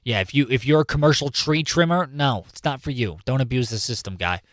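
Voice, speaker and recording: Talking briskly in a mid-range, fairly bright voice, the man hosts a local morning news show on radio. He's easygoing and funny, restating things as he explains, and the studio microphone gives a clean, echo-free sound.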